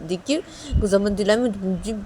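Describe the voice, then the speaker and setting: A woman's voice: mid-range voice, a little fast, warm tone, a little hiss or hum, natural voice. A woman voicing an angry young man who sulks and snaps at his mother. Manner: sullen, snapping, repetitive.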